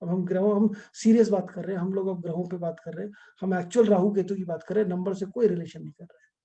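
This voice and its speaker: A middle-aged man with a high, steady, mellow voice teaches an astrology class over a video call, speaking fast. He explains things step by step and mixes English terms in, though the recording is muffled.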